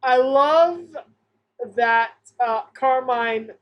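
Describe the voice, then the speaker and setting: A woman's voice: sits high, extremely slow, muffled recording. A woman co-hosting a podcast in casual, enthusiastic chat, laughing often. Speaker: podcast co-host.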